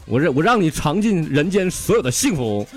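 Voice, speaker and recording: A male comedian with a Northeastern Mandarin accent tells jokes in a slangy, animated way, stammering through quick restarts. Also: fairly high pitch, music in the background. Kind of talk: stand-up joke telling.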